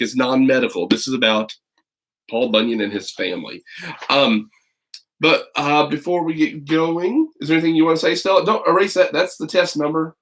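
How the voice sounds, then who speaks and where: A middle-aged American man from the United States hosts a casual livestream from a makeshift video corner at home, rambling to viewers and a child. He acts as host and as a teacher reading stories to his audience. His voice is on the high side with a fairly bright tone.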